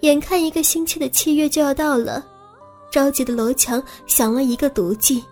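A woman reads serialized audiobook narration in a steady, smooth manner. Her voice is clearly high. Faint music plays beneath her. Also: moderate pace.

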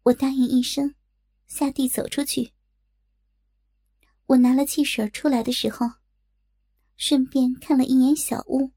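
High, gravelly-voiced woman narrator. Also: level tone, a little slow, long pauses, mellow. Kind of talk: first-person audiobook narration.

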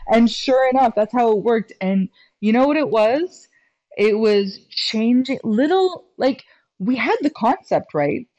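A woman guest on a podcast, chatting casually and telling lively stories, acting out quotes and laughing often. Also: fairly high pitch, a little slow. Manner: animated storyteller, acts out quotes, laughs often. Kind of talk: casual interview chat. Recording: dull lo-fi sound.

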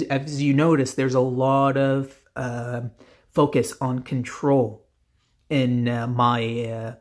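Solo podcast host, male, mid-pitched voice, rambling and casual. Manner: rambling, frequent filler words and restarts. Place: Canada.

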